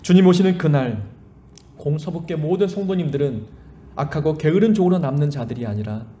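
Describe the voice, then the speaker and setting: A man's voice: fairly high pitch, lively intonation, brisk, dark tone. A middle-aged man preaching a sermon as a pastor, earnest and emphatic, with a mild lisp that makes his s sounds slushy. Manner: earnest exhortation with personal anecdotes, emphatic rises and falling sentence endings.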